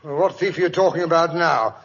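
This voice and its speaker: Blustery British gentleman doctor, middle-aged, high-pitched and hesitant, for a muffled old-time radio mystery. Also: fairly quick. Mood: puzzled, bumbling. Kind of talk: 1940s radio acting. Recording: muffled vintage radio recording.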